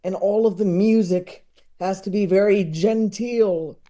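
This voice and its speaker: At a measured pace, a podcast guest in his thirties who specializes in comedy talks in a high, warm voice. The conversation is casual, and he wanders through his points, repeating words to collect his thoughts.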